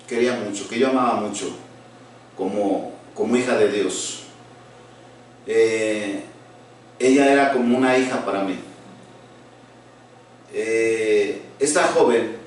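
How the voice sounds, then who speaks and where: Pastor preaching in a very echoey room. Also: male voice, fairly low pitch, recorded from a distance, a little hiss or hum. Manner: halting, earnest, many restarts and fillers. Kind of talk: sermon.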